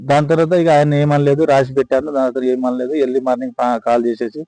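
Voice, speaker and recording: A man's voice: mid-range voice, no room sound, poor audio. A man earnestly recounting his experience with police to a news camera, retelling the dialogue. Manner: fast, flat, earnest retelling with quoted dialogue. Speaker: complainant recounting police abuse. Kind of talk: personal account to news camera.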